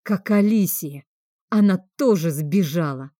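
Female reader as an unstable widowed master, hoarse from drink, in a mellow, dry audiobook read. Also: on the low side, unhurried, no echo, lightly acted. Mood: bitter. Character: grieving drunken male house master, volatile. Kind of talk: audiobook reading.

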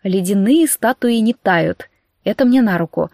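A woman narrating a first-person audiobook story in a lively, theatrical way. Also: medium pitch, measured pace, gravelly, no echo, studio quality.

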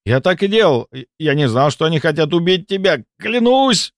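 A man's voice: fairly high pitch, very animated, no room sound, clean studio sound, voice pushed up. A man voicing a cowardly male healer who pleads and whines for his life. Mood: confessing. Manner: pleading, whining, fast-talking.

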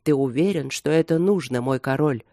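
A narrator doing a gruff growling baron. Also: medium pitch, steady tone, unhurried, no room sound, studio quality, natural voice. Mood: doubtful. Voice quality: growling, voice cracking with pain.

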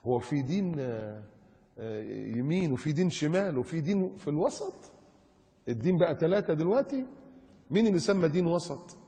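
A man's voice: a little high, animated, fairly quick, pauses often, dark tone, husky, in a large hall. A man preaching a sermon with an Egyptian Arabic accent, mocking and firing off rhetorical questions.

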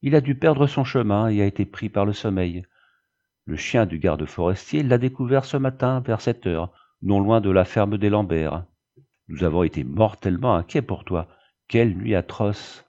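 A man's voice: on the low side, animated, moderate pace, mellow, highs cut off. A man voicing a young wife and mother who speaks in agitated exclamations. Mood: distressed.

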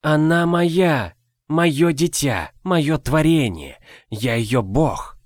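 A man voicing an ancient, domineering male gatekeeper program in an audiobook, speaking slowly and with contempt. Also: lowish voice, dry recording. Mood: triumphant. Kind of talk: audiobook character voice.

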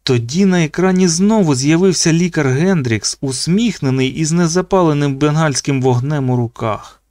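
A man reading an audiobook in a steady, measured narration. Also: a little high, no echo, clean studio sound.

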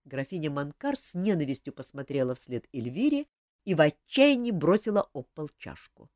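A woman's voice: deep voice, sing-song, moderate pace, darkish tone, dry recording, studio quality. Woman narrating a fantasy audiobook.

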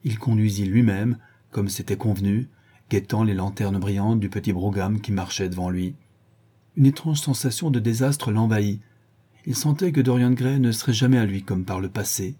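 Measured male audiobook narrator, husky. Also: on the low side, warm tone. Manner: measured, literary. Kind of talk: audiobook reading.

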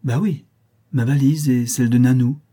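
A man's voice: mid-range voice, steady tone, normal speed, warm tone, husky, pitched above the performer's own voice, natural voice. A man voicing a shy little girl of about five who gives small, unsure, matter-of-fact answers. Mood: innocent.

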